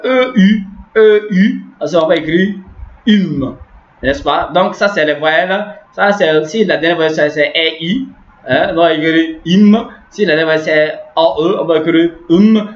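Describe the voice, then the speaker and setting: Repetitive man teaching grammar, echoey. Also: a little high. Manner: repetitive, explaining step by step with frequent "n'est-ce pas". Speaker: language teacher. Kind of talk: online grammar lesson. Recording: echoey room, dull lo-fi sound.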